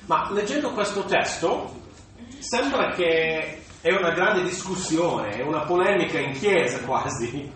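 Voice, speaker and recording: Male preacher, lively and animated, stumbles briefly now and then. Distant mic, big echo. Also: a little high, unhurried. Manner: animated, with small restarts. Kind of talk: sermon. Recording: echoey room, distant mic, faint noise.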